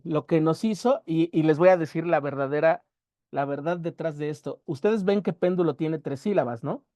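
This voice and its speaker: A teacher, lecturing methodically on verse and drawing out each syllable for emphasis. The voice is warm and mellow, recorded close and dry with no room sound. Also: medium pitch, no echo. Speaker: literature workshop teacher. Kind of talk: explanatory lecture.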